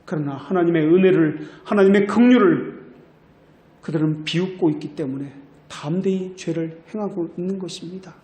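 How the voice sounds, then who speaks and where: Earnest Korean pastor in an echoey church. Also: male voice, on the high side, moderate pace, warm tone. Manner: earnest exhortation, quotes people in a mocking voice. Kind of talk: sermon.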